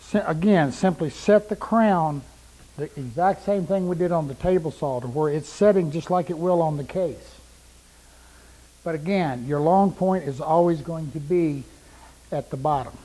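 A middle-aged man in a woodworking shop with power saws demonstrates cuts, his voice on the high side with a dark tone and normal speed. As the instructor, he talks plainly and repeats points for emphasis, captured by a lapel mic in low quality.

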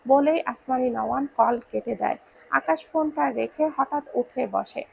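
Woman narrating a love story, tender, dramatic, gravelly, breathy, a bit high. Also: unhurried, rough recording.

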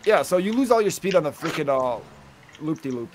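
A man's voice: a little high, very animated, fairly quick, a little hiss or hum. A young man, swearing and complaining in casual banter while racing in a game with friends. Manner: swears a lot, complains loudly. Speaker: gamer.

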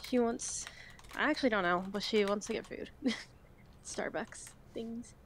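A woman's voice: a little high, unhurried, a little hiss or hum. A woman chatting with a friend on a call, teasing and giggly. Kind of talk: casual chat.

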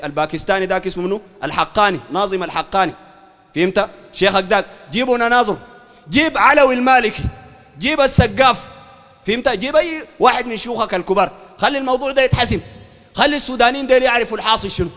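A man's voice: very high-pitched, fairly bright tone. A Sudanese sheikh with a Sudanese Arabic accent giving a heated polemical religious lecture, fiery, raising his voice and asking listeners again and again whether they understand. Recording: long hall reverb.

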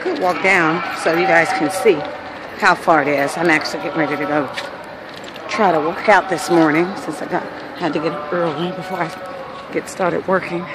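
An aggrieved Los Angeles resident with a Californian accent narrates a casual handheld phone video while walking mostly outdoors along an apartment alley, documenting a noise problem. Her lowish voice is steady and matter-of-fact at a moderate pace, and the noisy recording picks up street sounds.

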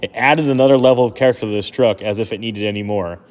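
A man narrating a truck build as a voice-over, relaxed and enthusiastic as he tells the story. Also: lowish voice, fast. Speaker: truck builder and channel host.

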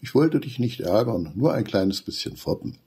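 Man doing a young witch girl from a kids storybook, lively, husky. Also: on the low side, normal speed, voice pushed up, exaggerated voice. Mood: playful. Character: playful young girl witch, cautious at heart.

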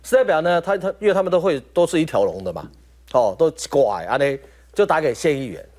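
A man with a Taiwanese Mandarin accent, a talk show guest telling a story in an animated way. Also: a little high, fast talker.

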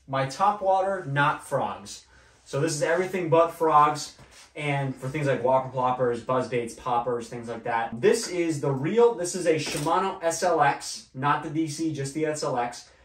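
Young man chatting about gear in a roomy room. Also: medium pitch. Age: young adult. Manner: relaxed, chatty, many fillers. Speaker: fishing channel host. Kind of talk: casual gear walkthrough. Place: small indoor room at a table. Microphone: far camera. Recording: roomy echo, voice far from mic.

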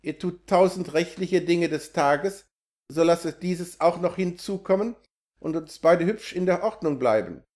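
A man reading the part of a clever young tomcat who answers politely and calmly. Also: sits high, measured pace. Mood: composed. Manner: polite, reasoning.

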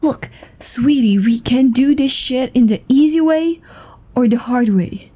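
A woman voice actor performs a dramatic ASMR roleplay as a tense, foul-mouthed, commanding woman hiding a secret, sounding cold and threatening. Her voice sits high with a dark tone and an unhurried pace, yet she swears urgently, with breathy sighs and stammers.

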